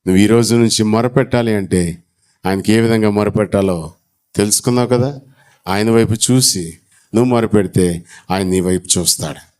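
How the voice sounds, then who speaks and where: A man preaching a sermon in church, calling out to the congregation and acting out conversations, his voice swinging from loud to low and soft. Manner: animated preaching, with sudden drops to a low, soft voice; acts out dialogue and calls to the congregation. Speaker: pastor.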